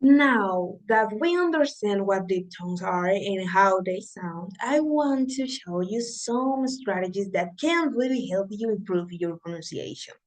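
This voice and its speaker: Female English teacher, unhurried and reassuring, talks straight to the learner. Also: medium pitch, lively intonation, rough recording. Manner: reassuring, speaks directly to learners. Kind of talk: encouraging lesson.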